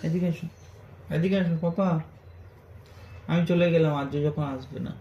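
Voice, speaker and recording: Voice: medium pitch, normal speed, mellow, roomy sound, lo-fi sound. A father at home teasing and playing with his small child. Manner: teasing, playful. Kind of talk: playful teasing.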